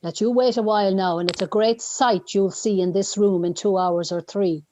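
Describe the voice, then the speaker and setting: A woman's voice: medium pitch, fairly even intonation, moderate pace, warm tone, a little hiss or hum, natural voice. A woman reading the part of a bitter old husband who is faking his death, grumbling and complaining. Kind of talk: play reading.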